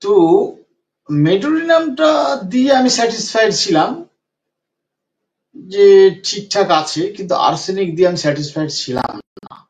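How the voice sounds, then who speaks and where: A man's voice: sits high, lively intonation, moderate pace, long pauses. A man working as a homeopathic doctor, retelling a patient's case and repeating phrases for emphasis. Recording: dull lo-fi recording.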